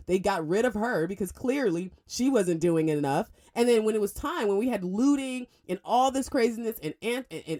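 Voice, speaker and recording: Speaking from a radio studio, a woman hosting a talk show delivers a spirited, opinion-driven monologue. Emphasis comes through quick rushes of words and sharp rises in pitch.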